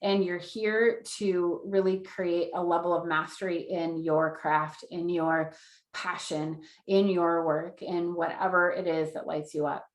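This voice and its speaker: A woman's voice: fairly low pitch, little pitch movement, a little slow. Earnest woman teaching a class, echoey room. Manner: earnest, repetitive, acts out inner voices. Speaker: Human Design teacher. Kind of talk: online class lecture.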